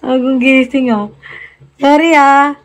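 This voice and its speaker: A woman livestreaming casually, cooing and teasing a sleepy pet in a soft, playful way. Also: high voice, steady tone, slow, poor audio.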